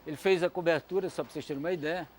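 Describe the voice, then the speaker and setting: A man's voice: a little high, fairly even intonation, racing, slight background noise. A man giving an educational talk about literature on a local TV show, with many asides and fillers. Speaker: literature commentator.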